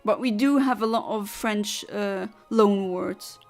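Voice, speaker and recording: A woman's voice: medium pitch, slow pace, faint music behind. A woman from southern Luxembourg, chatting casually on a gaming livestream, rambling as she reads out and answers chat. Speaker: streamer.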